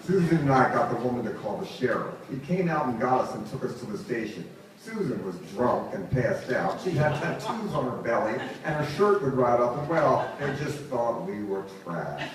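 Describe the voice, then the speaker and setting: A man reading a memoir aloud at a book launch event, in an expressive, wry way. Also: medium pitch, a little fast, few pauses. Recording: echoey room, far from mic.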